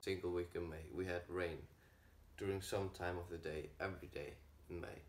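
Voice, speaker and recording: A man's voice: low-pitched, flat delivery, normal speed, roomy sound, slight background noise. A teenage man from Iceland, answering interview questions in a rambling, casual way, sitting indoors in a living room. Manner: rambling, with many likes.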